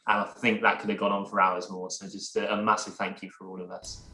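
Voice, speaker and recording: Quick, bright man in an echoey room. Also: low voice, little pitch movement. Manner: warm and grateful. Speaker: panel host. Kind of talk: closing thanks on a live stream.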